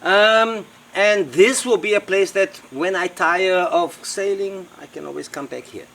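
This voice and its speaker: A man's voice: high voice, unhurried, gravelly, fairly bright tone, slight background noise. A middle-aged man from South Africa with a South African accent, telling his life story in a rambling way, repeating words and using many fillers. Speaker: interviewee, local host. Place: outdoors by a river in the Amazon.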